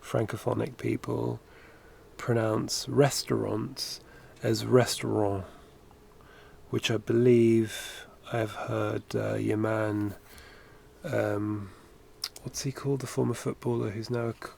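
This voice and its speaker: An animation streamer in a home studio rambles casually while drawing, correcting himself and tossing out chatty asides over a headset mic. His gravelly voice is lowish, level, slow, and a little mellow.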